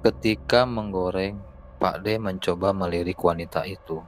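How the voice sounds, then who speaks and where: A man narrating a horror story in a slow, measured storytelling voice. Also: sits low, steady tone, slight background noise, poor audio.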